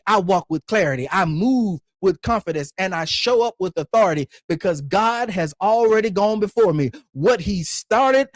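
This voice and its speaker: A man's voice: high voice, no room sound, clean studio sound. A man preaching an online sermon in a cadence, repeating and building his lines as he declares them.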